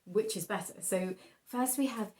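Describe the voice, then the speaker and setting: A young woman with a medium-pitched, darkish voice talks at a moderate pace while showing her own paintings. Her casual vlog chat rambles along, giggly, hesitant and self-deprecating.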